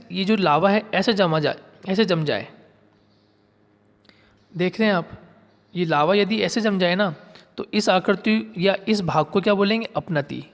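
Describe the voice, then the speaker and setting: High-voiced man teaching geography. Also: long reverb tail. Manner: explains step by step, repeats terms and quizzes viewers. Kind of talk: classroom lecture.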